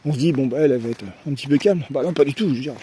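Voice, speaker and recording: A man's voice: mid-range voice, racing, mellow, a little hiss or hum. A man from France talking in a casual opinion monologue as a vlogger, rambling on fillers and tag questions and repeating words as he searches for phrasing.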